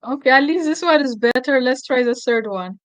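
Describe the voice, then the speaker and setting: A woman's voice: sits high, animated, a little fast, dry recording. A woman hosting a casual screen tutorial, thinking aloud with fillers and self-corrections. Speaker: tutorial host.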